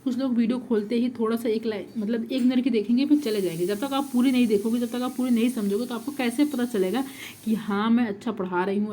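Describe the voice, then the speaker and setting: A woman's voice: medium pitch, mellow, slight background noise. Woman teaching with repeated rhetorical questions. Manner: repetitive, rhetorical questions, frequent 'thik hai'. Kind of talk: exam-prep lecture.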